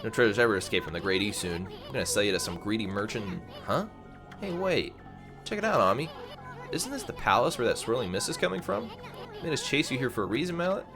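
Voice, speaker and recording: A cocky little wandering artist with a brash, teasing way of talking, read aloud by a man. His lines bounce around with lively, low-set pitch, and game music plays behind him. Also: fast talker. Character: cheeky tiny male wandering artist sidekick.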